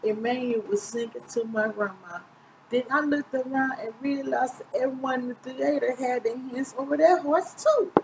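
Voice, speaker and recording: This middle-aged woman's voice is high-pitched and creaky, moving at a normal speed over background noise. She sits near the camera in a small room, informally reading a picture book for children, occasionally tripping over words and fixing them.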